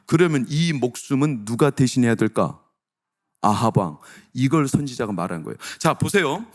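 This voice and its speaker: A middle-aged male pastor preaching a sermon, animated and repeatedly asking the congregation direct questions. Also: medium pitch, moderate pace.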